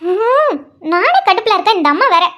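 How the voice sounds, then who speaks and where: This is a snappy, fed-up young woman in a cartoon with a very high voice, as a woman plays her. She sounds exasperated and short. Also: animated, normal speed, fairly bright tone. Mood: irritated. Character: irritated young woman, a student.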